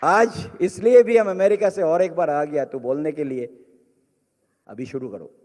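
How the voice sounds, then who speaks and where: Speaking unhurriedly in a slightly high, somewhat mellow voice, a man gives an emphatic motivational talk at a business seminar. His preacher-like exhortation mixes Hindi and English, and he acts out quotes as the large hall adds long reverb.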